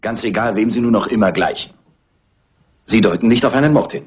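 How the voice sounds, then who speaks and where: Husky, exasperated police inspector. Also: male voice, lowish voice, brisk. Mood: dismissive. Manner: condescending, weary politeness. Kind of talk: dubbed classic crime film acting. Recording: dull vintage film soundtrack.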